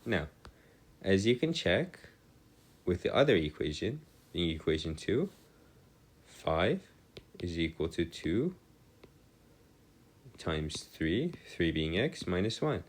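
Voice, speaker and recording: His low-pitched voice swings widely in pitch as he takes things slowly, leaving long pauses. The man is a tutor giving an informal maths lecture on equations, using formal phrasing and often correcting himself mid-explanation.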